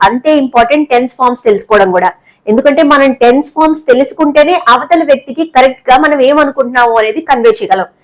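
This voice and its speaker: High-voiced woman teaching English in Telugu. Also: low-quality recording. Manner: explanatory, repeats key terms slowly. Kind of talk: spoken English lesson in Telugu.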